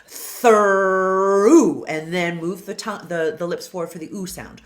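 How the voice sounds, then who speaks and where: Low-voiced woman coaching singing pronunciation. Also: fairly even intonation, fairly quick. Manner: over-enunciates model words, loud and drawn out. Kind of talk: pronunciation lesson.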